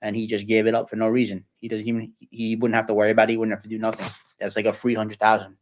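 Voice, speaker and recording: A low-voiced man co-hosting a casual podcast. His delivery is flat and even, halting now and then with "uh" while he hunts for words. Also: slight background noise. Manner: halting, searches for words, many "uh" fillers. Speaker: podcast co-host. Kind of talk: casual chat.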